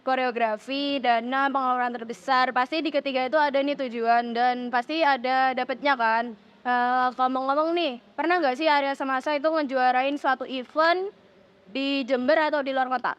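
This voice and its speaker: Addressing her viewers in a chatty, slangy way, a teenage student podcast host conducts a relaxed interview. Her voice is high with fairly even intonation at a moderate pace, and the lo-fi recording sounds dull.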